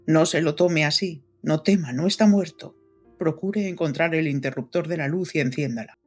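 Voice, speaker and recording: A woman voicing a calm, steady police superintendent. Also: low voice, normal speed, husky, faint music behind. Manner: steady and soothing.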